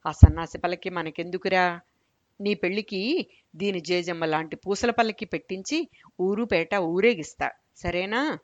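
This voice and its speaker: A sharp-tongued old grandmother, fond but full of scorn for pomp, read by a woman. Her voice sits low and dry, close to the mic. The recording sounds dull and lo-fi. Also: moderate pace, no room sound, close to an everyday voice. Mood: coaxing. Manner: teasing, scornful.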